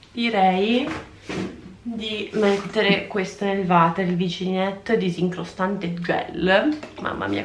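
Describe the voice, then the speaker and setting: A woman's voice: medium pitch, a little hiss or hum. A woman in her twenties chatting casually to viewers while she cleans a small bathroom, filmed by a camera on the counter. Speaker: vlogger. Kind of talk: casual cleaning vlog chat. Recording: echoey tiled room.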